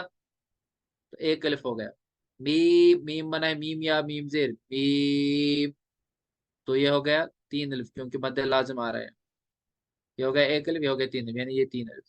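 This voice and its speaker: A male teacher explaining recitation rules step by step, drawing out letters in slow chanted examples. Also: a little high, fairly bright tone, no room sound. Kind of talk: classroom lecture on recitation rules.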